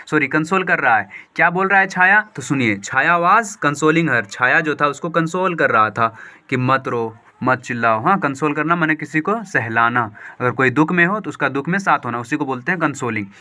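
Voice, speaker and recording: A man reading a story aloud slowly, line by line, and explaining each word and phrase in quick, lively Hindi as a teacher. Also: fairly high pitch. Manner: slow deliberate reading of English lines, then quick lively Hindi explanation. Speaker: English teacher.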